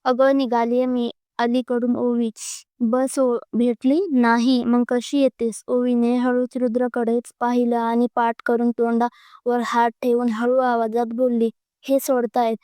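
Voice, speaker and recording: A woman's voice: a little high, completely flat delivery, measured pace, dark tone, clean tone, no room sound. A woman reading a romantic story aloud as its storyteller, doing every character's lines in her own voice. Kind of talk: scripted story narration.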